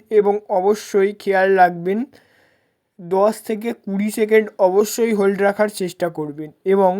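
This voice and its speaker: A woman's voice: mid-range voice, a little mellow. A woman yoga teacher giving scripted, step-by-step instructional narration. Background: plucked guitar music.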